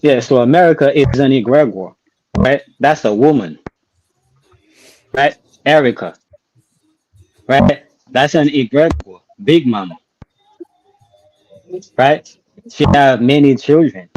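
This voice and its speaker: A man's voice: mid-range voice, animated, takes it slowly, long pauses, darkish tone. A man in a casual group discussion call, talking through a bluetooth headset mic with crackling sounds and often checking in with "right?". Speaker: participant in an online discussion call. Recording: muffled bluetooth mic with faint clicks.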